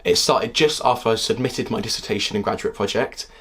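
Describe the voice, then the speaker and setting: Young guy in his 20s, kinda husky, ranting at the camera about a show, fed up. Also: fairly low pitch, a little fast, a bit bright. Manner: heated, exasperated ranting. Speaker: video critic. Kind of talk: casual critique monologue.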